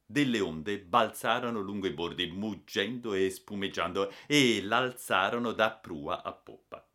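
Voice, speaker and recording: A man narrating an adventure story as a dramatic audiobook, vivid and expressive. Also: lowish voice, unhurried.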